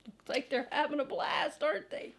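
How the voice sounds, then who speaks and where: Reading a children's storybook aloud, an older woman uses a high, gravelly voice at a moderate pace, with slight background noise in the recording. She sounds warmly grandmotherly and expressive, drawing out important words and chatting to her young audience between lines.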